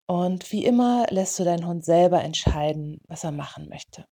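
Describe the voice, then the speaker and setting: A woman leading a guided meditation in a soothing, gentle way, in short unhurried phrases. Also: on the low side, expressive. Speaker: meditation guide for dog owners.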